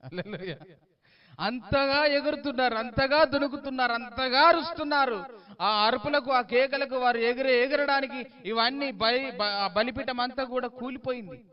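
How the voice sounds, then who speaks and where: Male pastor, theatrical storytelling sermon, high and smooth voice, muffled lo-fi audio. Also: normal speed.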